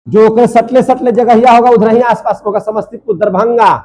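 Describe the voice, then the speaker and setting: A man's voice: extremely high pitch, little pitch movement, brisk, a little mellow. A young man teaching a class, drilling students by asking questions and repeating each answer. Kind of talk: classroom lecture.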